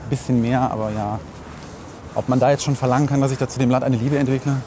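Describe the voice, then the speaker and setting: A man with a medium-pitched, dark-toned voice talks quickly and fairly evenly as he walks through a city co-hosting a podcast, casual, opinionated, verbose, and prone to rewording. Clear outdoor recording catches vehicles and street ambience.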